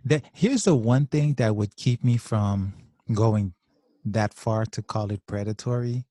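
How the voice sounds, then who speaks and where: A man co-hosting a podcast as a clinician, talking through ideas in a thoughtful, measured way with hesitant restarts. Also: lowish voice, warm tone, no echo, studio quality. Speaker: podcast host, clinical social worker. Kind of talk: casual podcast discussion.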